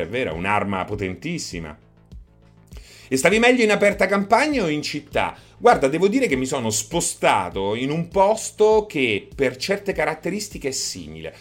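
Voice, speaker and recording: Animated Italian streamer man. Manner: animated, jokey, breaks into high squeaky fox imitations. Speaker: streamer host. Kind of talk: casual live-stream chat reading viewer messages.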